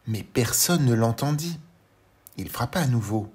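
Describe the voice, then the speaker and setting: A male storyteller narrating a children's audiobook, slow, gentle and expressive as he addresses a young listener. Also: medium pitch.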